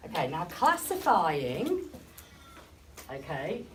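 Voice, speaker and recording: A woman's voice: on the low side, wildly swooping pitch, slow. A woman teacher leading a classroom lesson, asking students questions and encouraging their answers. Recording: distant classroom recording with noise.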